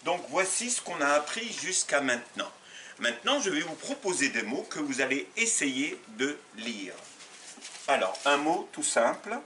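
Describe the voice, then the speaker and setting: A man gives a patient, methodical beginners' lesson, spelling out sounds one by one and correcting himself along the way. His voice is bright and forceful, with a faint hiss in the background. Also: on the high side, very animated, measured pace, distant mic. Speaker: Arabic teacher. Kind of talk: step-by-step lesson for learners.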